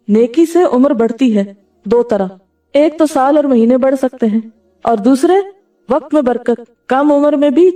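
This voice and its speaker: A woman's voice: high-pitched, mellow, far from the mic. A woman Islamic scholar, giving a sermon. She recites Arabic verses and explains them, often asking the audience questions and answering them herself.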